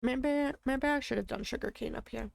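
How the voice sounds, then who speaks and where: A woman's voice: high-pitched, moderate pace, vocal fry. A woman streaming a video game live, chatting casually and thinking aloud as she plays. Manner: playful, answers chat.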